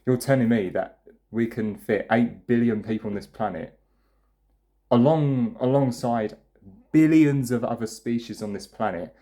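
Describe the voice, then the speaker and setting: A man's voice: medium pitch, measured pace, mellow. A young man ranting to camera in a blunt, profane, rambling way, restarting his sentences often. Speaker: vlogger. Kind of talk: casual ranting monologue.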